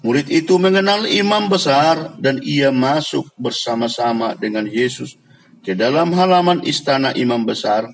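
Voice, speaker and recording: A man leading a worship service and reading a scripture passage in a slow, deliberate, reverent way. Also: mid-range voice, animated.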